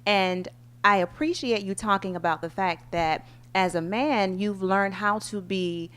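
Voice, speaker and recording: A woman's voice: medium pitch, unhurried, fairly bright tone, clean tone. A woman hosting a talk show who affirms her guest often and laughs easily. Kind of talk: casual chat.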